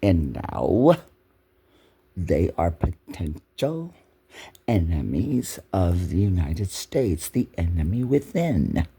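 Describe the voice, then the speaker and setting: Man, very deep voice, gravelly, husky, dark tone, slow and swooping, indignant commentary. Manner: indignant, repeats phrases for emphasis. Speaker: political commentator. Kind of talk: angry running commentary over news clips.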